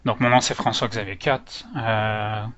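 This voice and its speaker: Over dull, lo-fi online call audio from a meeting microphone, with slight background noise, a user group organizer presents a technical topic informally. He's a Frenchman with a French accent shaded by Canadian intonation, speaking in a lowish, fairly even, somewhat bright voice, a little slowly and with nervous hesitation.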